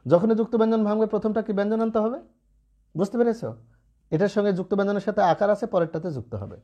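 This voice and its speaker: A man's voice: high-pitched, rapid-fire, dark tone, lo-fi sound. A man teaching Bengali pronunciation rules in an online lesson, patiently checking in with students as he explains. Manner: patient, asks students rhetorical checks often.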